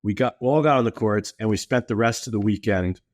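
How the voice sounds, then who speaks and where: A middle-aged man talking easily as a podcast guest, explaining at length in a relaxed way. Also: lowish voice, a little fast, no echo, clean studio sound. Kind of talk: casual interview talk.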